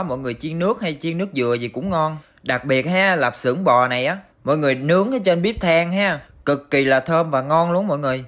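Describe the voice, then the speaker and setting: A man's voice: fairly high pitch, a bit bright. A young man with a Mekong Delta accent, chatting casually and playfully to viewers while he cooks. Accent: Mekong Delta Vietnamese. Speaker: cooking vlogger. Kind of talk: casual cooking chat to viewers.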